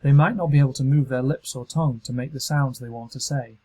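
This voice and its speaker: British guy reading a training course, slightly husky voice, calm and measured. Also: medium pitch, low-quality recording. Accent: British English. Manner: calm, measured instructional delivery. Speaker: training narrator. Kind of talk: scripted narration.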